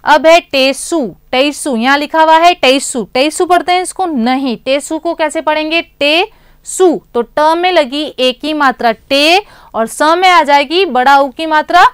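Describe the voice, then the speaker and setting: High-voiced woman teaching small children. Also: no room sound, studio quality. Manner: asks questions and answers them herself, drawing out words slowly. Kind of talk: class lesson for young children.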